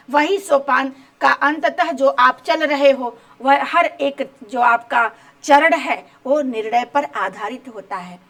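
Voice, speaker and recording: Female home science teacher, high-pitched, explains and quizzes her class as she goes. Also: a bit bright. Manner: repeats rhetorical questions, checks understanding. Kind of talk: exam-prep lecture.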